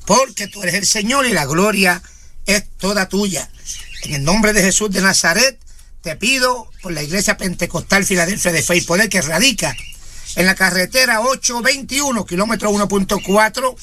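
A man's voice: high-pitched, moderate pace, bright, forceful tone, slight background noise. A man, preaching and praying fervently on a radio ministry program, with frequent interjections of praise. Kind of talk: radio sermon and prayer.

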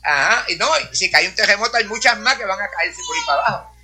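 A man speaks to a congregation in a testimony-style sermon, sprinkling hallelujahs and praise between his sentences. His voice sits high for a man, with a sharp, very bright edge. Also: expressive, fast talker. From Puerto Rico. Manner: peppers speech with hallelujahs and praise. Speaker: church speaker.

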